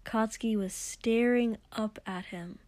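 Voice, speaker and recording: A woman narrating an intimate story in a slow, hushed, breathy way, sometimes dropping into a whisper. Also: on the high side, fairly even intonation, dry recording. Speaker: audiobook reader. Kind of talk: intimate fan fiction reading.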